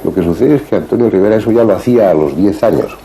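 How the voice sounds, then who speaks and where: A man hosting an interview, asking questions and narrating in a calm, thoughtful way. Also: lowish voice, fast talker, a little hiss or hum, poor audio. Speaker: interviewer and host.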